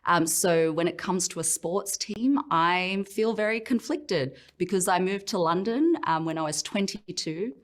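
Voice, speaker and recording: A woman with an Australian accent giving a reflective, personal motivational talk as a professional speaker, often pausing with "um". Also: lowish voice, expressive. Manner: reflective, personal storytelling with frequent "um"s.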